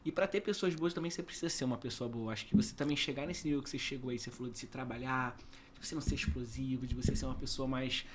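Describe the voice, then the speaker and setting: A man co-hosting a business podcast, affirming the guest with quick interjections. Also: medium pitch, steady tone, a little hiss or hum. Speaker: podcast co-host. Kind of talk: casual interview talk.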